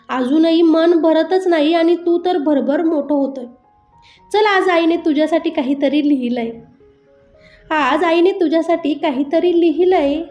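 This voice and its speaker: High-voiced Marathi mother reciting a poem. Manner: tender, repeats each verse line twice. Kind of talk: recited poetry. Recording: roomy lo-fi recording over soft music.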